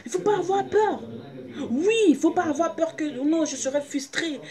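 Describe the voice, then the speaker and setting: A woman's voice: very high-pitched, animated, normal speed, dark tone. A woman preacher in gives a personal, insistent sermon, repeating phrases and questions and often groping for words. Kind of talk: personal video sermon, exhorting listeners.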